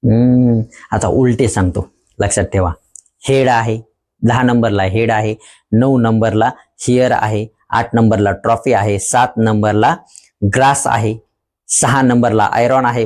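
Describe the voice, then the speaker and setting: A man teaching students a memory trick, lively and repeating key words for emphasis. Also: medium pitch. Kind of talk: explaining a memory technique to students.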